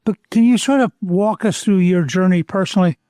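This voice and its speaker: An older man hosting an interview podcast, asking questions in a measured, complimentary way. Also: high voice, warm tone, dry recording, studio quality. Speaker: podcast host. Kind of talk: interview talk.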